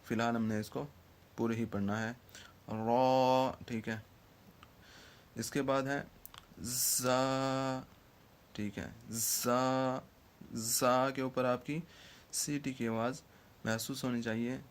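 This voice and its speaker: A man's voice: medium pitch, steady tone, pauses often. A man teaching Quran letter pronunciation in an online lesson, patiently checking in after each point and drawing out the letter sounds.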